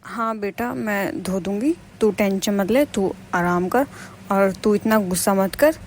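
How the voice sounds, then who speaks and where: A woman voicing a gentle soft-spoken mother-in-law. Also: medium pitch, measured pace, a little hiss or hum, close to an everyday voice. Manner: soothing, mild. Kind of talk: animated cartoon voice acting.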